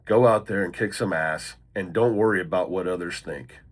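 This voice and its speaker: A man's voice: sits low, normal speed. A man talking to camera in an earnest, encouraging way, giving a casual motivational talk to other men. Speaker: motivational vlogger.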